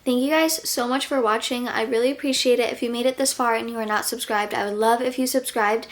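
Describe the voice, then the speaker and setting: A woman's voice: a little high, fairly even intonation, quick pace. A young woman vlogging in casual chat from her bedroom at night, chatty and filling her talk with "like". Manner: chatty, uses "like" a lot.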